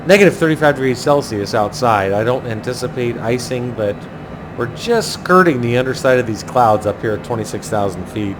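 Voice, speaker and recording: A man with a mid-pitched voice talks through a flight in a casual, chatty way. He thinks aloud as he goes, dropping in pilot jargon. A steady, clearly audible rumbling drone runs behind his voice. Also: brisk. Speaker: flight simulator pilot and host. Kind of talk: casual narrated flight commentary. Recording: clearly noisy, steady low engine-like rumble.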